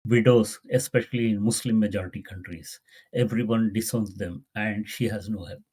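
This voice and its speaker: Male Quran teacher, low husky voice, earnest and repetitive delivery. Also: steady tone, moderate pace, a little mellow. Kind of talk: religious lesson.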